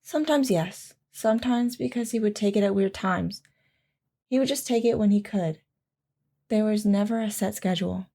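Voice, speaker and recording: A woman voices a devoted military wife in an audio drama, fondly and reflectively recalling her husband. Her voice, average in pitch for a woman, is warm and mellow yet gravelly. She speaks at a normal pace, gently and with wistful tenderness.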